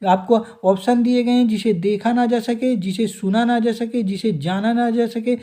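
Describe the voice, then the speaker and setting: Mellow-voiced man running exam quiz revision. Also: very high-pitched, fairly even intonation, moderate pace. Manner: calls the listener "दोस्तों" often, reads options then gives answer. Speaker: exam prep teacher.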